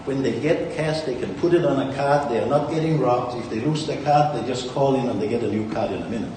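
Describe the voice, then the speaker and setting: The founder's darkish, mid-range voice moves a little fast as he delivers a boastful, meandering talk in a Danish accent. It is recorded by a distant mic in a large, echoey conference hall with faint ambience and slight hiss or hum.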